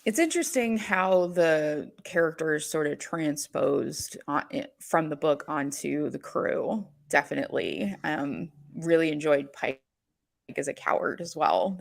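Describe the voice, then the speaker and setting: A woman with a low, gravelly voice chats casually as a podcast co-host. She thinks aloud with plenty of fillers and laughs easily. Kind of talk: casual chat.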